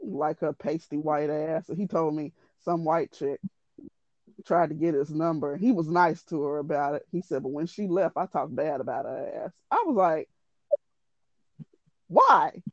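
A woman animatedly retells a story in casual, profane, exasperated chat. Her voice is deep with a dark tone at a moderate pace, captured in dull, lo-fi, dry audio with no echo.

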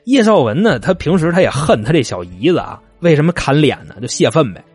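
Lively, folksy male crime storyteller. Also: fairly high pitch, fairly quick, husky, soft background music. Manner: chatty, folksy, asides to listener. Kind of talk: colloquial spoken crime storytelling.

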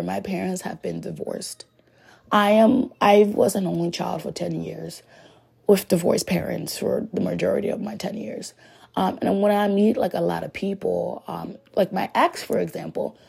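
A young woman hosting a podcast, talking frankly and rambling in a casual monologue while hoarse from losing her voice. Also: mid-range voice, dark tone. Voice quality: gravelly and raspy. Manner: rambling, frank, heavy on "like" fillers. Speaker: podcast host.

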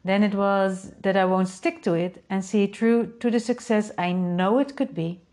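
A native Dutch speaker with a Dutch accent, this woman has a mid-range, darkish voice with a steady tone and moderate pace. An artist and community host, she gives a thoughtful solo talk to her creative community, often posing rhetorical questions and adding "right?".

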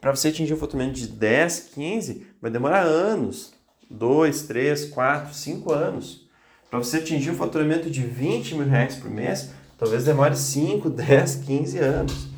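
Coaching teachers on his motivational podcast, this male host speaks insistently, circling back to key phrases to drive them home. His voice sits a little high and sounds animated at a moderate pace in a roomy space. A mild cold leaves him slightly stuffy, with the occasional cough.

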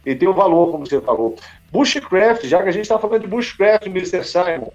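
A middle-aged man, hosting a podcast in a measured, conversational way. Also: sits high, expressive, darkish tone. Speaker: podcast host. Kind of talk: casual podcast chat. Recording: dull lo-fi audio with faint music.

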